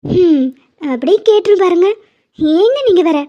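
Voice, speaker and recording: A woman voicing a playful, teasing pregnant young wife in an animated cartoon. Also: very high-pitched, a little slow, highs cut off. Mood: affectionate. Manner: teasing, bossy, affectionate.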